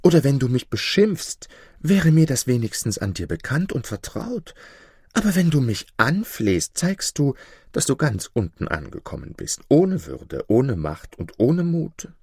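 A man narrating a fable and voicing a sly fox with lively, expressive delivery. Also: medium pitch, measured pace, slightly rough, no echo, clean studio sound. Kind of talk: storytelling narration.

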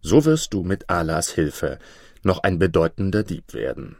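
Stern old vagabond mentor, slow and deep, dry sound, voiced by a man narrator. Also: big pitch swings, gravelly, darkish tone, dry recording, heavily acted. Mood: approving. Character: stern old male vagabond master thief.

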